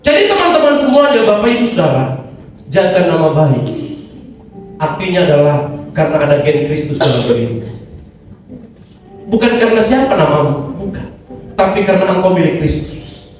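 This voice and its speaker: A man's voice: high-pitched, big pitch swings, normal speed, long pauses, darkish tone, faint music behind. A middle-aged man preaching a sermon as pastor, in a joking, conversational way. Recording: echoey hall, distant mic.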